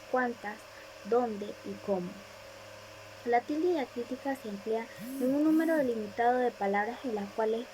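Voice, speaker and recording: A woman's voice: a little high, warm tone, slight background noise, low-quality recording. A woman student reading a class presentation aloud, stressing each example word she gives.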